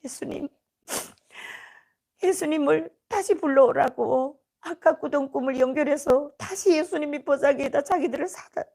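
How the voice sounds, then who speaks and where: A woman's voice: sits high, moderate pace, vocal fry, hardly any pauses, darkish tone. A woman with a North Korean accent giving an earnest, emotional personal faith testimony. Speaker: testimony speaker.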